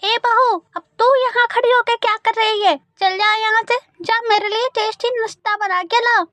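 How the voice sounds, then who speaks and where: A woman's voice: very high-pitched, steady tone, moderate pace, dry recording, pitched above the performer's own voice. A woman voicing a grumpy, suspicious old female crow who scolds and bosses her daughter-in-law in a cartoon. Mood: scolding. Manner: sharp, scolding, bossy. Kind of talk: cartoon voice acting.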